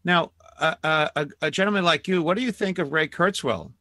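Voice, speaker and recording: A man co-hosting an interview, asking earnest, halting questions. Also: fairly high pitch, bright, forceful tone, no echo, clean studio sound. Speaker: comedian co-host.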